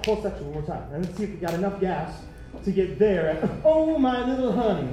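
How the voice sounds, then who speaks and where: A man directing a choir rehearsal, energetic and encouraging, singing phrases to demonstrate. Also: a little high, a little hiss or hum. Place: large rehearsal room. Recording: echoey room from far off, singers behind.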